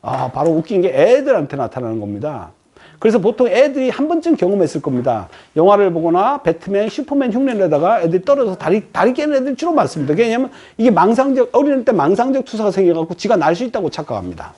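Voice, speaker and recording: A middle-aged man giving a professor's lecture to a class, animated, asking the room questions and acting out little quoted voices. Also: high voice, quick pace.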